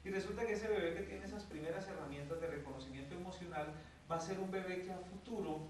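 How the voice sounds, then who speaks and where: A man's voice: sits high, fast, slight background noise. Colombian man lecturing in an echoey room. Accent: Colombian Spanish. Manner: conversational, often checks in with "¿sí?", acts out quoted mothers. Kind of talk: lecture to an audience. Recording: very echoey room, mic far off, faint ambience.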